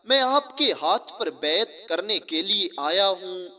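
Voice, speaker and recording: A man's voice: high voice, lively intonation, bright, forceful tone, exaggerated voice. A man reading as an aged grieving scripture scholar. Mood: earnest.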